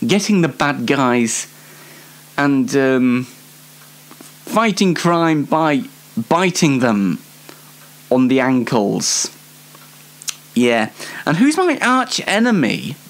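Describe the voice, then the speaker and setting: This solo show host has a medium-pitched voice that swings widely, and he speaks extremely slowly with long pauses. He addresses the audience in a relaxed comedic monologue, meandering hesitantly and poking fun at himself.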